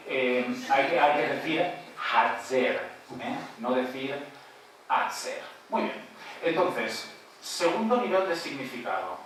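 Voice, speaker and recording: A man giving an explanatory conference presentation as a panelist, often tagging his points with quick checks to the audience. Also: mid-range voice, a bit bright. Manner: explanatory, tags points with "¿eh?" and "muy bien". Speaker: panelist at an academic round table. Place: large auditorium. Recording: echoey hall picked up from far off, faint noise.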